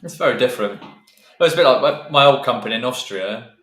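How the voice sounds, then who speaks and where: A man's voice: medium pitch, lively intonation, a little fast, fairly bright tone. A British man co-commentating a race in casual, joking, teasing banter. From United Kingdom. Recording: roomy echo.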